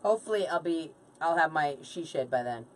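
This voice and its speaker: Recorded from a distance with a little hiss or hum, a woman in her late forties hosts a craft livestream, crafting while she chats informally and banters with viewers and a helper. Her deep voice is animated and brisk.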